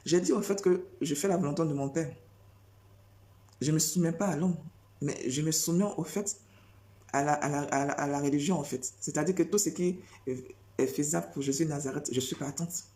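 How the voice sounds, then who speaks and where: Une femme qui prêche sans notes, répète ses phrases et enchaîne les questions rhétoriques avec insistance. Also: female voice, sits low, brisk, mellow. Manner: repetitive, rhetorical questions, emphatic. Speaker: preacher. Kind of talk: spontaneous preaching monologue.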